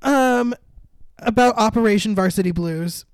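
A woman's voice: medium pitch, unhurried, clear, resonant tone, dry recording, clean studio sound. A woman co-hosting a podcast, chatting casually with strong opinions and frequent laughs. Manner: opinionated, dramatic, laughs often. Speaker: podcast co-host. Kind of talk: casual chat.

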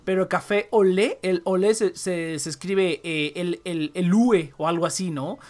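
A man's voice: high-pitched, unhurried, a little mellow. A young man with a Mexican Spanish accent, co-hosting a podcast in casual chat, rambling with many restarts and fillers. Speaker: podcast co-host.

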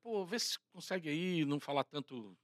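A man's voice: a little high, animated, normal speed, no echo, clean studio sound. A man co-hosting a talk show, teasing and using casual slang as he chats.

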